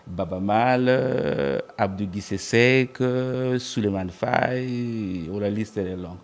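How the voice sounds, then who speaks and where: Easygoing man with a low voice. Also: slow, creaky. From Republic of the Congo. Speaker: musician guest. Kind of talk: interview conversation.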